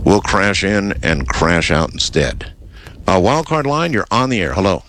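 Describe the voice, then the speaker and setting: A man hosting a late-night call-in radio show, with a smooth, relaxed, conversational delivery. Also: sits low, measured pace, background noise.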